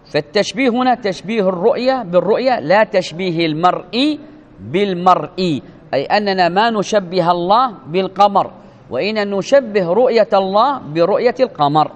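High-voiced man teaching a religious lesson. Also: expressive. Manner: deliberate, repeats words and spells out pronunciations; asks the listeners rhetorical questions. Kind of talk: religious lesson explaining a hadith.

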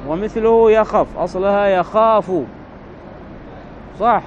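A man's voice: high voice, fairly even intonation, a little hiss or hum. A man teaching Arabic grammar, explaining step by step and often checking with the listener whether it is right. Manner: slow, deliberate, keeps asking the listener "right?" to check understanding. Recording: dull lo-fi recording.

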